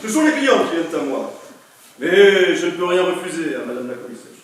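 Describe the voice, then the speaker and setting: A man's voice: on the high side, very animated, brisk. A man playing a pompous, self-important notary in a stage comedy, declaiming like a hammy stage actor. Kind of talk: theatrical stage comedy acting. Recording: echoey stage, distant mic, faint noise.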